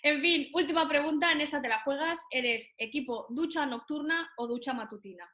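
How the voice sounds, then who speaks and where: A woman interviewer from Valencia, playful and chatty, with a high voice. Her tone is bright and sharp. The sound is roomy and echoey, like a video call. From Valencia, Spain. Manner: playful, chatty, quick to laugh. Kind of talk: casual interview chat. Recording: roomy echo.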